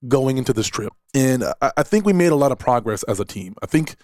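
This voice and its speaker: A man's voice: medium pitch, lively intonation, fairly quick, a little mellow, no echo. A man, hosting a casual solo podcast and talking in a rambling way with repeated words and fillers. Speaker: podcast host and esports director.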